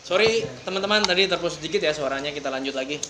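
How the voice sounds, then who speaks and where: A man's voice: on the high side, very fast, noisy background. Chatty man hosting a casual interview. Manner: chatty, hesitant questions with many fillers. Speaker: podcast host.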